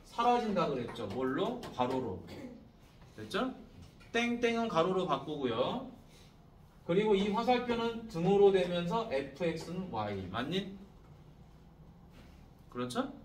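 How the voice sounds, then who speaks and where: A man teaching high school math as a classroom lecture, constantly checking in with his students through short prompting questions. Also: big pitch swings, a little slow, long pauses, reverberant, recorded from a distance, slight background noise.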